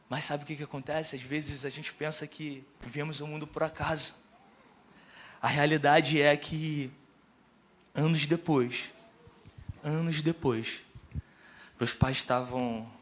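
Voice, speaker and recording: A young man from Rio preaching a sermon in casual, slangy speech, swinging from loud calls to hushed storytelling. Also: on the high side. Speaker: pastor.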